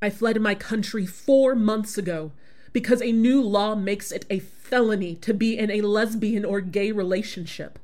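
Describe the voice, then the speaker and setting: Woman playing an activist from Uganda, steady, direct, asylum seeker. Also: mid-range voice, normal speed, close to an everyday voice. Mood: calm.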